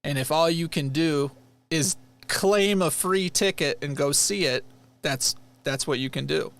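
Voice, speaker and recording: A livestream host from Rochester, New York, talks casually while reacting to a replay. His voice is on the high side, a little slow and creaky, and his manner is earnest, animated and meandering.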